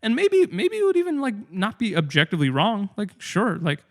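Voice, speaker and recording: Young man, casual podcast talk, earnest and reflective, gravelly edge, fairly high voice. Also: huge pitch swings, brisk. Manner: earnest, reflective, many fillers and restarts. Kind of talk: casual discussion.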